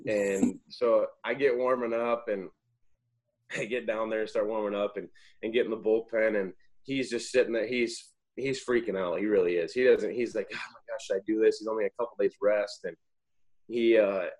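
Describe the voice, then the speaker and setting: A young man, a former college pitcher, telling long, rambling stories in a casual interview and often correcting himself mid-sentence. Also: fairly even intonation, moderate pace, a little mellow. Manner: rambling, self-correcting anecdotes.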